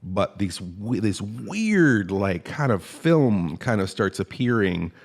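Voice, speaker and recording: A man's voice: on the low side, sing-song, takes it slowly. A man hosting a comedy podcast, chatting casually and rambling, often stammering and restarting his sentences. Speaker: podcast host.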